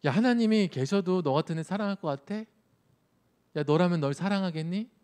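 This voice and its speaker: A man's voice: high voice, animated, fairly quick, a little mellow, clear, resonant tone, pitched above the performer's own voice. Man putting on a sneering, taunting Satan. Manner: mocking, needling.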